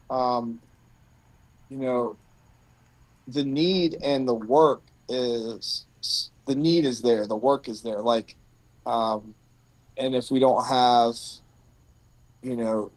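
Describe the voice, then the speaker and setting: The audio quality is poor, with no room sound, capturing a mid-range male voice. He's in his late thirties, runs a rescue mission, and is talking earnestly and thinking aloud during a casual chat on an outdoor bench.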